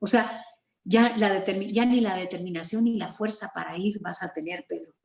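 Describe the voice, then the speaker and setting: A Guatemalan woman teaching a Bible study over a video call, earnest and story-driven, clearing her throat now and then. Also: medium pitch, moderate pace, echoey room. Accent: Guatemalan Spanish.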